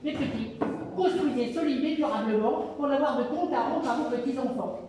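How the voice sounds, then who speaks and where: A caring mother pig gives gentle advice in a soft, high voice, as a male storyteller puts her on. It sounds distant in a very echoey hall. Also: moderate pace, background noise. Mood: advising.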